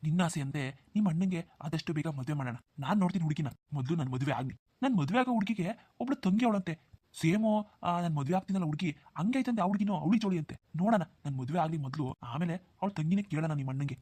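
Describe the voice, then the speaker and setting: A man voicing a well-off, generous young village man in a cartoon, who talks briskly and hushes others' worries. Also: fairly high pitch, expressive, breathy edge. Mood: reassuring. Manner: brisk, dismissive of worries, hushing. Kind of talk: Kannada cartoon dubbing.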